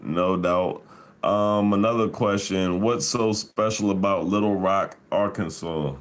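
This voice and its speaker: A man with a somewhat low voice hosts a relaxed chat. He asks curious questions in short, laid-back bursts and answers with quick affirmations. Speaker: show host. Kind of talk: casual chat, asking questions.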